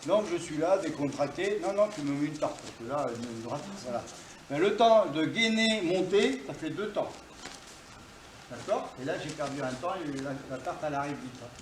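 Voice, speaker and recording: A man's voice: a little high, animated, moderate pace, slight background noise. A man teaching self-defense to a class, explaining each move while he demonstrates it and punctuating strikes with sound words. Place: dojo, indoors. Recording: roomy hall, distant mic.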